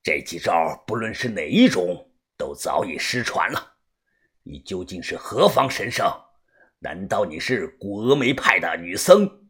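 A cocky male martial arts master with a low, husky voice, drawling his words slowly and with open mockery. He sounds crude and sure of himself, like a wuxia storybook rogue, voiced by a storyteller. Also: very animated, a bit bright, exaggerated voice. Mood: probing. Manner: slow, drawling, mocking.

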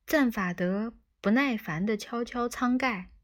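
A woman narrating a comic science fiction audiobook in a measured storytelling manner. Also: a little high. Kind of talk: scripted narration.

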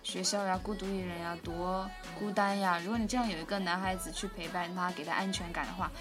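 A woman's voice: lowish voice, fairly even intonation, quick pace, over music. A young woman co-hosting a casual chat, handing out relationship advice in a conversational way. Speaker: co-host.

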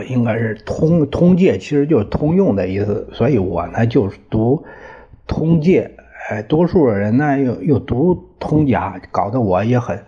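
A man's voice: mid-range voice, warm tone, husky. A man retelling a classic novel in a casual storytelling style, chatty and hesitant with many fillers and asides, on a dull lo-fi recording.

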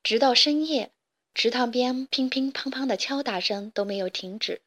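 A woman reading a children's picture book aloud in a gentle, expressive storyteller's voice. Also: fairly high pitch, normal speed.

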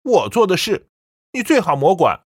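A woman's voice: lowish voice, very animated, normal speed, husky, no echo, studio quality. A woman voicing a stubborn young man who talks back bluntly and coldly to his mother. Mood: defiant. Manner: blunt and cold.

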